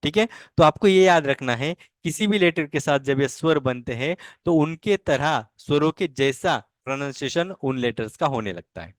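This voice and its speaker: A man's voice: fairly high pitch, lively intonation, moderate pace, few pauses, no echo, studio quality. A man teaching a language lesson in Hindi. He drills syllables patiently and keeps asking questions and answering them himself.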